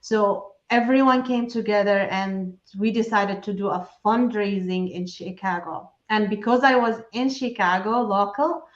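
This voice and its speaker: A woman's voice: mid-range voice, fairly even intonation, a little slow, few pauses. Syrian-born woman, echoey dull call audio. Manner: earnest, chatty, with many fillers and restarts. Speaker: guest, enrolled agent for nonprofits. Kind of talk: casual interview talk.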